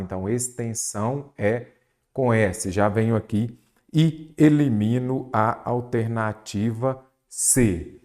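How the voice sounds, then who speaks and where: A Brazilian Portuguese teacher with a medium-pitched, darkish voice solves exam questions aloud, asking and answering his own questions. He repeats a mnemonic and stretches key words for emphasis throughout this exam-prep lesson.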